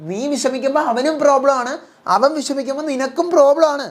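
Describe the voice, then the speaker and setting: Woman playing a coaxing female friend, reassuring, fairly high. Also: quick pace, lightly acted. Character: soothing female friend consoling another woman.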